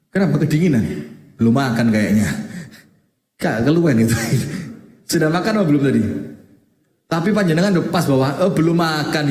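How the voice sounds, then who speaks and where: A man's voice: mid-range voice, darkish tone. Male preacher, chatty and joking, reciting verses; roomy echo. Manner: joking, chatty, mixes in Javanese words. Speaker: Islamic preacher. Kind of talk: casual sermon with Quran recitation. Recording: echoey hall.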